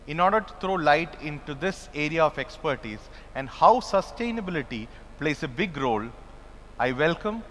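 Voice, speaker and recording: A man's voice: on the high side, fairly bright tone, a little hiss or hum. A man moderating a panel discussion, formal and announcing. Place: large expo hall. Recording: hall reverb, faint ambience.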